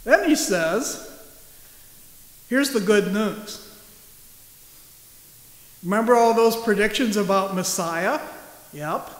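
A man's voice: sits high, animated, slow, long pauses, a bit bright. A male pastor preaching a sermon in a church, conversational and joking. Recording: echoey church hall.

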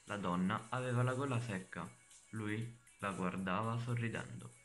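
A man reading a horror story aloud as a student reader, in an even, plain way. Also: on the low side, normal speed, soft background music.

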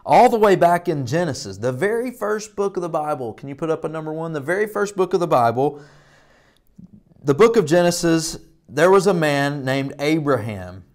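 A man in his thirties with a slightly high, animated voice at moderate pace gives a Bible lesson to children. His presenter style is broad and singsong, with emphatic repetition and call and response. He's in an indoor children's church classroom, recorded on a lapel mic.

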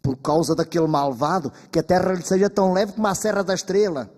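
A sly old village widow, as a male storyteller puts her on, scolding and bargaining in a dark, husky voice. She sounds bent and crafty, and the stage hall rings with long reverb. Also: lowish voice, fast talker. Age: older.

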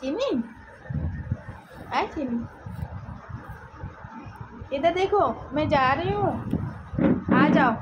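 A woman at home coaxing her cat in a soft, repetitive way, recorded on a phone camera. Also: sits high, lively intonation, very slow, pauses often, highs cut off, heavy background noise. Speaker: vlogger talking to her cat. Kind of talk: coaxing talk to a pet. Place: home indoors.

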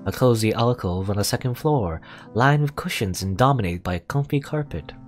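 A man's voice: medium pitch, lively intonation, fairly quick. A man reading a visual novel aloud as a let's play host, adding asides and now and then correcting his stumbles. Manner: stumbles over words and corrects himself. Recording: music behind the voice.

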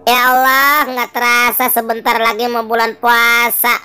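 A performer voicing Dule, a male ondel-ondel puppet from a Jakarta puppet show, fussing anxiously over a crying baby and hushing it in a sing-song voice, with a Betawi Jakarta accent. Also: mid-range voice, level tone, unhurried, smooth. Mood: fretful. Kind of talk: puppet show play-acting. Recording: music playing behind.

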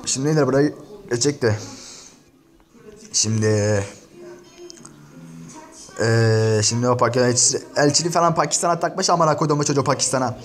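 A man's voice: mid-range voice, very fast, soft background music. A man ranting and cursing nonstop as he comments on an online insult battle, talking straight to his viewers. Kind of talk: profane screen-share commentary to viewers.

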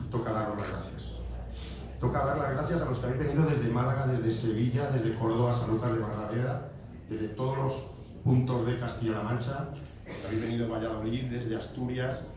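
A man's voice: medium pitch, far from the mic. A middle-aged man giving a heartfelt farewell speech at a podium, repeating phrases and adding asides. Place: large stone-walled banquet hall. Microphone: podium microphone, recorded by a far camera. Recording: echoey hall recorded from afar, noisy.

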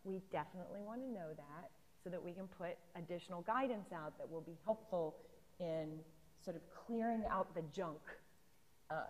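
A middle-aged woman with a lower voice lays out rules on a panel, careful and precise. She talks through a lapel mic on a stage, and her voice trails off into the long reverb of a big hall. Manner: careful, legal-minded, explanatory. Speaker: federal privacy regulator on a panel. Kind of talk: panel discussion. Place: conference stage in a large hall.

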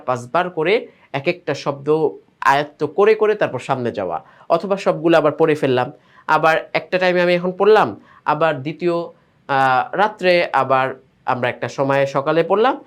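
Bangladeshi guy teaching, bit high-pitched, slow patient drill reading. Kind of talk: spelling drill lesson.

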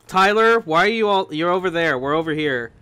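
A man's voice: a little high, lively intonation, a little fast, bright, forceful tone. A man in casual voice chat while gaming, directing his teammates and teasing them. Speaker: gamer. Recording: voice chat with noise behind.

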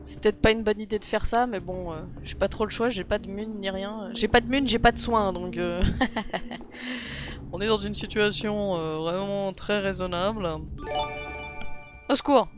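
A woman's voice: mid-range voice, fairly even intonation, normal speed, music in the background. A young woman from France playing a horror video game live, chatting to her viewers and laughing at her own mistakes. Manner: giggly, self-mocking, talks to chat. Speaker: gaming streamer. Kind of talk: let's play commentary. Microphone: desk mic with headphones.

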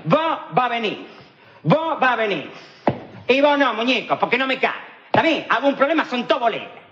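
El Perro, a swaggering street hustler. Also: male voice, very high voice, very animated, moderate pace, a bit bright, full character voice. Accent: Rioplatense Spanish. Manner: rambling, slangy, swaggering, keeps asking "all right?". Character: cocky streetwise male hustler, swaggering, slang-talking. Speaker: comic actor in a TV sketch. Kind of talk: TV comedy monologue in character. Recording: dull lo-fi 1990s TV tape with faint hiss.

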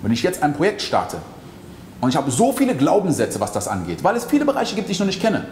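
A man's voice: fairly high pitch, wildly swooping pitch, fast talker, a little mellow, slight background noise. A man giving a motivational coaching monologue, talking straight to the listener with emphatic rhetorical questions. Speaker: mindset coach. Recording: echoey hall with faint ambience.

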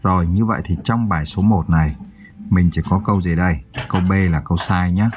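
A man's voice: sits low, fairly quick, soft background music. A male teacher giving a primary school math lesson, counting aloud and asking his pupils check questions.

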